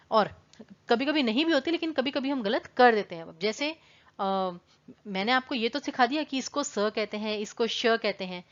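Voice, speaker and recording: A woman's voice: fairly high pitch, muffled recording. A woman teaching an online exam-prep lesson, explaining patiently and repeating words to contrast their pronunciation. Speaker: Hindi teacher.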